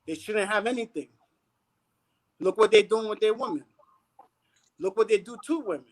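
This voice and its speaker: Street slang and a steady stream of "you know what I'm saying" mark this animated panel guest's preaching. He speaks at a moderate pace in a voice that rides unusually high for a man.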